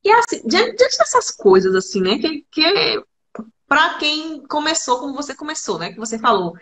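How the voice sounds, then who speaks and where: Woman host, high bright voice, rambling filler-heavy questions. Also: very animated, moderate pace. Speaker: podcast host and teacher. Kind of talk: interview questions.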